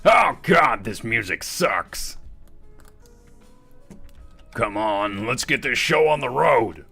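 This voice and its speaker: A man doing an impression of a gruff male soldier hero, impatient and loud. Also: mid-range voice, animated, takes it slowly, faint music behind, heavily acted. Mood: grumbling.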